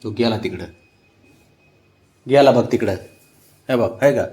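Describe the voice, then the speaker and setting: A man's voice: mid-range voice, a little slow, dark tone. A man with a Marathi accent, casually coaxing and scolding his sulking pet cat in a mix of pleading and baby talk.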